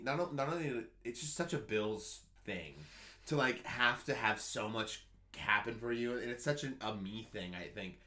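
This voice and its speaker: A man, co-hosting a casual sports podcast, telling a story eagerly with lots of restarts. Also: fairly low pitch. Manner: excitable storyteller, rambling with restarts. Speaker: podcast co-host.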